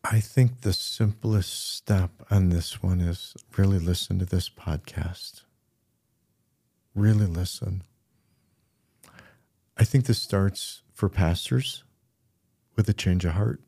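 A middle-aged pastor speaks earnestly in a low, gravelly voice, easing into stories and acting out what people said. His tone is dark and mellow. He is recorded dry and close on the mic. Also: slow pace, long pauses, dry recording. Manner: earnest storytelling, acts out quoted voices. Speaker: pastor and podcast co-host. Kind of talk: casual podcast conversation.

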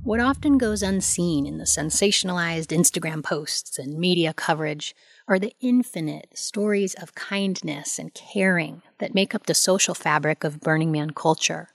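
A woman delivers scripted documentary narration in a low, measured voice. Her tone is informative, and the sound is close and dry with no room around it. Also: dry recording.

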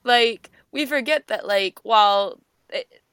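A woman's voice: a little high, slow, a bit bright, clear, resonant tone, no room sound. A woman co-hosting a podcast in casual chat, rambling with lots of fillers and restarts, and swearing now and then. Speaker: podcast co-host.

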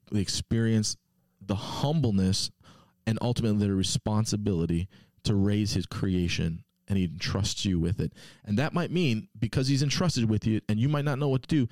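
A man's voice: fairly low pitch, darkish tone, no room sound. A man co-hosting a faith podcast, chatting casually and then urging listeners with earnest encouragement. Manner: earnest, exhorting, joking. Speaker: podcast co-host.

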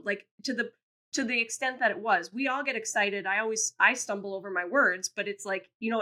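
A woman's voice: medium pitch, pushed and bright. A woman co-hosting a podcast, giving earnest, encouraging advice. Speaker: podcast co-host. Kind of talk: casual conversation.

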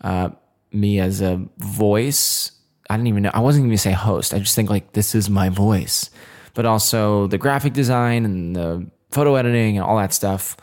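A podcast host with a lowish, darkish voice talks to his listeners at a moderate pace in a casual solo monologue. He's earnest and rambling, full of fillers and restarts.

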